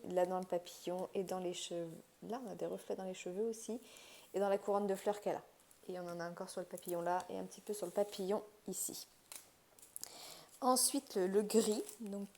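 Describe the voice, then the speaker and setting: A woman's voice: lowish voice, warm tone. A woman hosting a crafts channel, casually talking through an unboxing and thinking aloud with many fillers and restarts.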